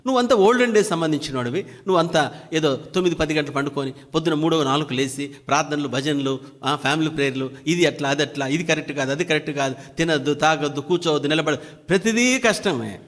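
A man's voice: on the high side, quick pace, a bit bright, long reverb tail. A man preaching a daily devotional sermon who keeps firing rhetorical questions at his listeners. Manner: fires repeated rhetorical questions.

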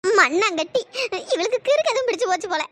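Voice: extremely high pitch, expressive, quick pace, pushed and bright, no echo, exaggerated voice. An actress voicing an irritated village woman muttering insults in a cartoon. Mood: grumbling. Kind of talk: cartoon voice acting.

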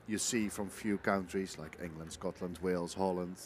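A man's voice: low voice, fairly even intonation, normal speed. A man giving chatty live commentary on darts as one of two commentators. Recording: faint venue noise behind.

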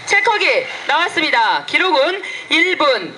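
Bright, high-pitched female motorsport commentator. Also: sing-song, unhurried. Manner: announces entries, affirms her partner. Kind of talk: live off-road race commentary. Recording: echoey PA sound, faint engine noise. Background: vehicle noise.

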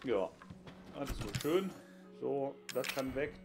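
A man's voice: mid-range voice, animated, slow, gravelly, over music. A man giving casual, joking running commentary while playing a horror game, recorded at home on a headset. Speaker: gameplay commentator. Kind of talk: casual let's-play chat.

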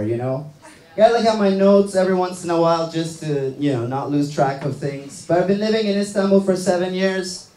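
A man's voice: high voice, warm tone. Iranian-born man doing stand-up, roomy club. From Iran. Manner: loose, conversational delivery full of fillers and tag questions. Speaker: stand-up comedian. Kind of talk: stand-up comedy set. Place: small comedy club stage with live audience. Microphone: handheld mic.

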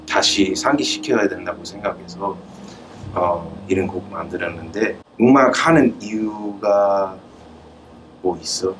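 A man in his thirties from the United States, with a Korean American accent, hosts a casual interview in simple, loosely built phrases. His voice is lowish, recorded on a distant mic in an indoor rehearsal room with a drum kit, with music behind and a little hiss or hum.

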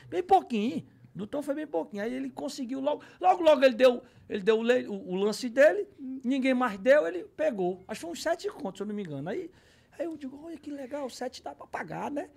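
A podcast guest from Ceará tells a story with big swings in his voice. He speaks with a Cearense accent, acts out other people's lines and shouts out bids. His voice sits high and has a rough, breathy grain. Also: animated, fast. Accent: Cearense Portuguese. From Ceará, Brazil. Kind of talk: animated storytelling.

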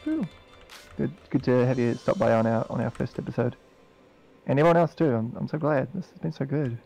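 A man co-hosts a relaxed podcast stream, chatting loosely as a game plays. His voice is gravelly and mellow, a little fried at the bottom. He gets excitable, swears freely and doubles up his words as he talks. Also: medium pitch, a little fast, soft background music, low-quality recording. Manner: excitable, swears, laughs often, repeats words. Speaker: podcast co-host. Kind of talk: casual chat while watching a game stream.

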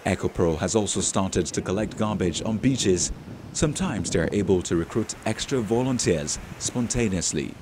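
A man's voice: sits low, expressive, moderate pace, noisy background. A man reading a scripted news feature as a voice-over. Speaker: report narrator.

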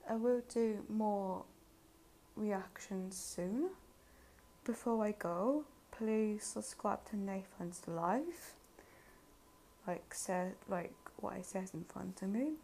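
A woman with a warm, medium-pitched voice speaks slowly, offering casual, hesitant commentary as a reviewer in a reaction video. Faint traffic from cars on a busy road can be heard behind her.

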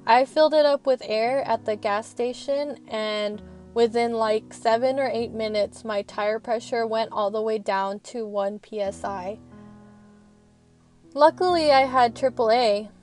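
A woman's voice: a little high, a little slow, a little mellow, faint music behind. A young woman student rambling in a chatty, earnest voice-over, recorded in her parked car. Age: young adult. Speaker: student vlogger.

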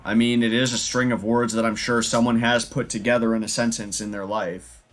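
A young man streaming a game, chatting casually with loud jokes and laughter. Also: medium pitch, brisk. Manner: loud, laughing, joking, lively. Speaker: gaming streamer. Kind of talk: casual chat while playing.

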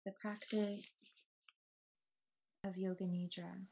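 On a muffled recording, a female yoga teacher leads a guided relaxation. Her mid-range voice stays calm, soothing and measured, with long pauses between phrases.

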